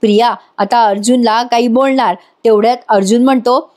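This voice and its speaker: A woman's voice: a little high, fairly even intonation, moderate pace, a little mellow. A woman giving a chatty voice-over recap of a TV serial episode, talking straight to her viewers. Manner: chatty, addresses viewers directly. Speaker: serial reviewer.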